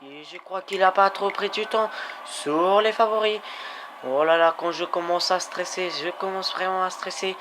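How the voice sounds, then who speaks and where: A man playing a cycling game, commentating excitedly, swearing and cheering his riders on. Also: sits high, moderate pace. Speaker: gamer. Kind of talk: let's-play commentary. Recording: background noise.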